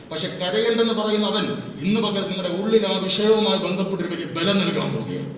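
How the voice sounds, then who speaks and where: Brief: male pastor, high bright voice, fervent sermon, distant mic, booming hall. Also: slight background noise. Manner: impassioned, swings from hushed to shouting. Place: church hall. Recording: echoey hall, mic far off.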